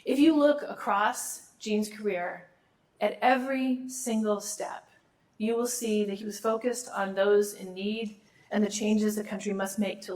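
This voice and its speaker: A middle-aged woman who serves as a law school dean gives a formal awards speech as her voice gives out, making small restarts and asides. Her voice is mid-range.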